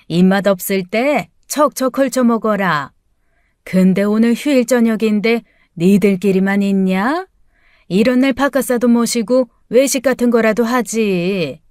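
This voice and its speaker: A woman voicing a pushy, nosy older mother-in-law who grumbles and gives orders in a slow drawl, in an audiobook story reading. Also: a little high, a little mellow, dry recording, studio quality, close to an everyday voice. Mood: bossy.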